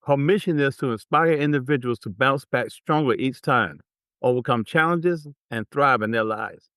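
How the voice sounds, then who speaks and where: A man's voice: mid-range voice, normal speed, a bit bright, clean tone, dry recording, studio quality. A man hosting his podcast, reading a formal guest introduction and then asking questions in an upbeat, encouraging way. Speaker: podcast host. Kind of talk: interview hosting.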